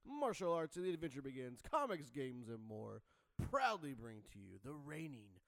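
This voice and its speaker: Guy doing a big ringmaster announcer voice, nineties late night radio hype, drawn out words, swoops up high. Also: sing-song, gravelly. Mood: grand hype. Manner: booming, drawn-out ringmaster showmanship. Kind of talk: hyped show introduction.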